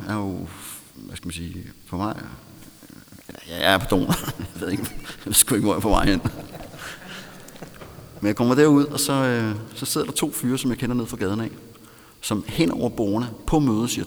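A man's voice: fairly low pitch, vocal fry. A man with a Danish accent telling a candid personal story in a self-mocking way, laughing often. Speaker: storyteller recounting recovery. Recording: long hall reverb.

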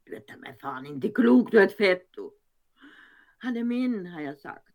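A woman voicing a sour, demanding older woman who speaks tartly and breaks into a shrill falsetto. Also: very animated, a little mellow. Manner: tart, demanding, shrill falsetto when upset.

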